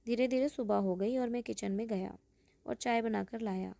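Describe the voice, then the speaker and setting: A woman with a slightly high voice reads a heartfelt story at a steady, even pace. Her tone is mellow and soft-edged, with a gravelly fry running under the words. The sound is close and dry. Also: normal speed, no echo. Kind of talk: first-person story narration.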